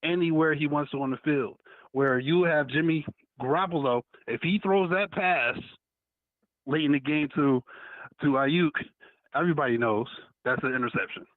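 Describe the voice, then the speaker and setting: A man's voice: fairly high pitch, moderate pace, dry recording. A man calling in by phone to a casual sports debate, arguing his case and repeating his points. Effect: heard over a phone line. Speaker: caller. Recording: dull, dry lo-fi phone call.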